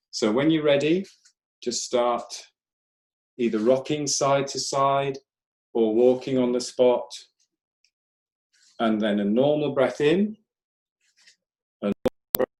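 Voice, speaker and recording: A man leading a live online breathwork class, counting breaths and giving calm, gentle step-by-step cues. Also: medium pitch. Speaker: breathwork instructor. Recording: roomy echo.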